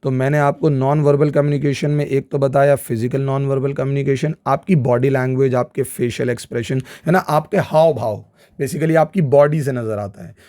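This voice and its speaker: A man teaching a class, slow and stressed, often checking whether his students follow. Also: medium pitch. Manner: animated, keeps asking if students follow; slow, stressed delivery with acted examples. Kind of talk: classroom lecture.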